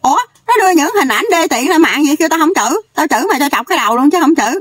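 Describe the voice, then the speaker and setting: A woman's voice: high-pitched, lively intonation, very fast, no room sound. A woman with a Southern Vietnamese accent from the Mekong Delta, delivering a blunt, scolding rant to camera as a vlogger and pressing her listeners again and again to heed her. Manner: scolding, blunt, repeats "do you hear".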